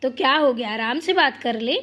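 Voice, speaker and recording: Brief: woman doing a bossy village mother-in-law for a cartoon, high and curt. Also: normal speed, fairly bright tone. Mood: scolding. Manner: brusque, placating. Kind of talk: Hindi cartoon dubbing.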